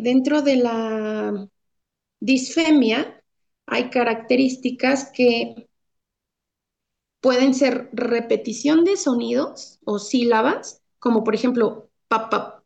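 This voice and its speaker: A woman's voice: on the high side, creaky, darkish tone, muffled recording. A woman guest therapist explaining speech patterns patiently, step by step, in an interview.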